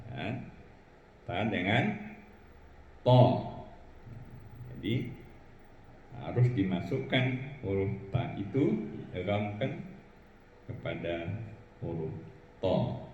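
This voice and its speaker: A man gives a very slow, deliberate recitation lesson, pausing between each short phrase. His explanations alternate with long chanted examples of the verses. The sound carries a long, roomy hall echo. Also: low-pitched, sing-song, a little mellow, dull audio, a little hiss or hum. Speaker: Quran recitation teacher.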